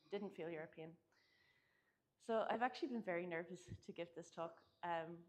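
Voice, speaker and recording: A young woman from Ireland, giving a presentation about her research in an earnest, casual way, often saying "kind of" and "like". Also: on the low side. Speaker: conference speaker. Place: conference hall.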